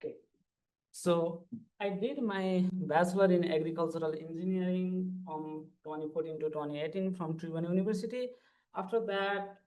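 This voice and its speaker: A man from Nepal, a PhD student, presents on a conference panel in a formal, earnest manner, taking the audience through his slides step by step. His voice is a little high and warm, though the recording is poor.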